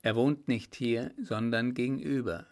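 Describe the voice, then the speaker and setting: A man's voice: mid-range voice, steady tone, unhurried, close to an everyday voice. A man doing a bold German officer. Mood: cool. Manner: firm, confident, somewhat louder delivery. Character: bold young German officer, calm and commanding.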